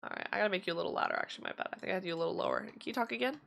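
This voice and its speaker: A woman's voice: medium pitch, very fast, gravelly, fairly bright tone. A woman streaming tarot readings in casual chat, chatty and giggly with lots of fillers, her voice slightly strained.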